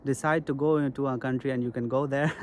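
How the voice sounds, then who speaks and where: A man's voice: medium pitch, fairly even intonation, a little fast, a little mellow, a little hiss or hum. A young man from Pakistan talking earnestly to camera in a casual vlog, repeating his key points. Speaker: self-help vlogger.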